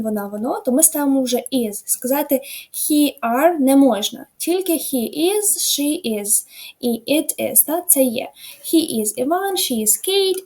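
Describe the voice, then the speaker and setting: High-voiced, mellow woman teacher. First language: Ukrainian. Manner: patient, explains step by step with many fillers. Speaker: English teacher. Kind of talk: online language lesson.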